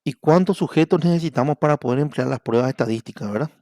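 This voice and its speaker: A man's voice: fairly high pitch, fast, dark tone, no room sound, studio quality. A middle-aged man with a Paraguayan Spanish accent giving an online university lecture, explaining step by step and checking in with his students. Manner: explanatory, repeatedly asks "¿verdad?".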